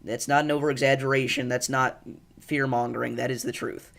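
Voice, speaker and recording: A man hosting live severe weather coverage, speaking with urgent, emphatic and repeated pleas in a halting, distressed delivery. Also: mid-range voice, flat delivery, creaky, a bit bright. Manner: urgent, emphatic, repetitive pleading warnings. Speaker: live storm coverage host.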